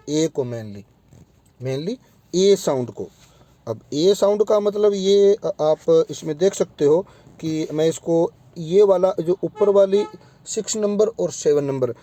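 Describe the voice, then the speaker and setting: A man teaching phonetics at an unhurried, deliberate pace, spelling out and repeating example words for his students. His voice is very dark and mellow and sits slightly high for a man. The recording is dry and close, with no room sound. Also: no room sound. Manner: addresses students directly, often checks in with "ठीक है". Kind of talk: phonetics lesson.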